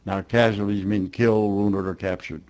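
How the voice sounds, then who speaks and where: A man's voice: fairly low pitch, level tone, moderate pace, a little mellow. An elderly American man, a war veteran, recalling service in a matter-of-fact, understated way. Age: older, 80s. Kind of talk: interview recollection.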